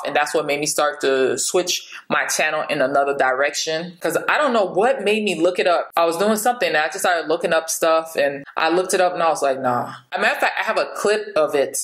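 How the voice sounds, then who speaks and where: Low-voiced frank woman vlogger, roomy echo. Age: 30s. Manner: frank, chatty, laughs often. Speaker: beauty vlogger. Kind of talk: casual chat to camera.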